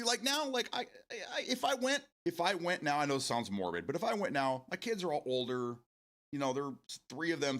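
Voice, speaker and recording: A man's voice: mid-range voice, fairly bright tone. A man in his forties hosting a casual morning stream, rambling, repeating words and swearing casually as he answers viewer comments. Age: 40s.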